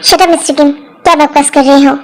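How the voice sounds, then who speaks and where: A woman's voice: sits high, steady tone, normal speed, slight background noise, close to an everyday voice. A woman voicing a bossy, scheming old grandmother who scolds and coaxes. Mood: bossy scolding.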